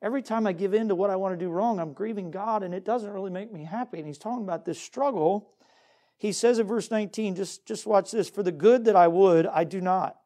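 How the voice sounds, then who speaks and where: Warm and high-pitched, this man's voice moves a little quickly as he preaches. He is a pastor giving a Baptist sermon, reading scripture with earnest exhortation and questioning his listeners.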